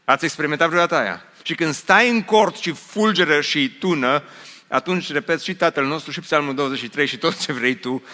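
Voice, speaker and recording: Bright-voiced man preaching in a hall. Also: fairly high pitch. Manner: storytelling with humor, asks the congregation questions. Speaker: pastor. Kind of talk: sermon. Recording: long hall reverb.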